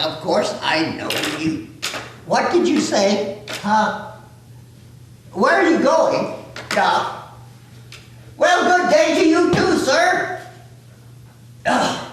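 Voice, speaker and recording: A man's voice: high-pitched, fairly bright tone, full character voice. An actor playing a stubborn, grumbling elderly riverboat magnate in a folksy one-man stage monologue. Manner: folksy, grumbling, talks back to an unseen doctor. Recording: echoey room, distant mic, noisy.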